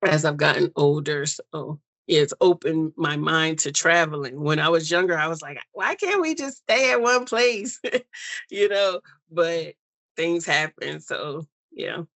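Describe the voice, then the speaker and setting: An American woman as an interview guest, speaking in a reflective, unhurried way with many pauses and fillers over a video call. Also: deep voice, animated, a bit bright, dry recording. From United States. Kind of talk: personal story interview.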